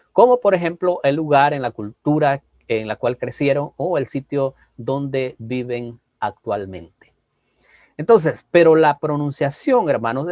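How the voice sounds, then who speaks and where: A man teaching a homiletics class in a church, animated, often asking "¿verdad?" and moving between strong and soft delivery. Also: no echo. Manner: animated, tag question "¿verdad?" after many phrases; varies loudness and pitch on purpose, drops to soft asides. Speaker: preaching instructor. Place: church hall.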